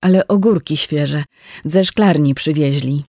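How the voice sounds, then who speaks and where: Woman doctor near forty, firm, earnest, slightly raised, gravelly in the reader's voice. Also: mid-range voice, measured pace, no room sound, clean studio sound. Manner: calm, then firm and warning. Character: woman doctor nearing forty, steady wife.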